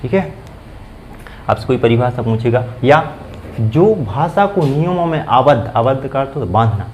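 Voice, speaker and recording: A man's voice: medium pitch, lively intonation, moderate pace, darkish tone, slight background noise, rough recording. A man teaching grammar, asking a question and then answering it himself, repeating the key words, with phrasing. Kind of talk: classroom-style grammar lesson.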